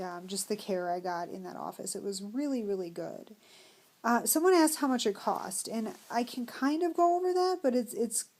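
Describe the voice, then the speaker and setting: A middle-aged American woman talking casually in a personal vlog, candid and self-deprecating, often pausing mid-thought. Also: mid-range voice, a little mellow. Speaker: vlogger.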